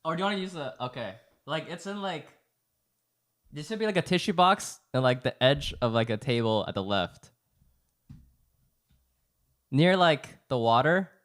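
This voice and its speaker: A young man co-hosting a podcast, chatting casually with friends, excitable and laughing a lot. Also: fairly high pitch, normal speed, long pauses. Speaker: podcast co-host. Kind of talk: casual chat among friends.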